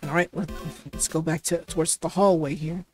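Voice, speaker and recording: A woman's voice: low-pitched, fairly even intonation, fairly quick, darkish tone, soft background music. A woman hosting a let's play, giving stammering, hesitant gaming commentary.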